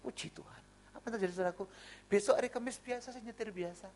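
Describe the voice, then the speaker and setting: Joking, lively Javanese-born male pastor. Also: high-pitched, racing. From Java, Indonesia. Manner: lively, joking storyteller, acts out voices. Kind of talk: sermon.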